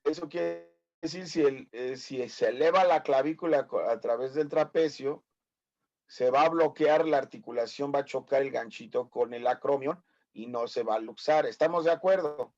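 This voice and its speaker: A man's voice: medium pitch, moderate pace, darkish tone, dull audio. A man in his fifties with a Mexican accent, teaching a medical class online, teasing and quizzing his students. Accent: Mexican Spanish. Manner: teasing, corrects students, asks many quiz questions.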